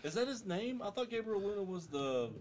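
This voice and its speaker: A man's voice: sits high, very animated, a little fast, a little mellow. A man co-hosting a casual podcast, jokey and prone to rambling. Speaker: podcast co-host. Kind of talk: casual group chat.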